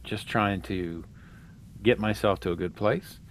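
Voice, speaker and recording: A man's voice: on the low side, a little slow, slight background noise. A man co-hosting a reselling podcast in casual chat, rambling and restarting his sentences, talking into a headset. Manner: rambling, restarts a lot, loose and profane. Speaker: podcast co-host.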